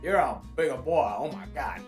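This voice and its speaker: A man in casual gameplay chat, playful and excitable, his voice jumping from low mutters to high calls. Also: normal speed, faint music behind. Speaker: VR game streamer.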